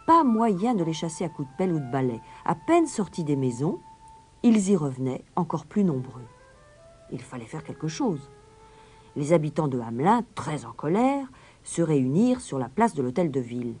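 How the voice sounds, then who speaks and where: Low husky woman reading a storybook, super expressive, whispers sometimes. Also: moderate pace, soft background music. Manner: expressive, drops to a whisper for suspense. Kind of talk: storybook narration.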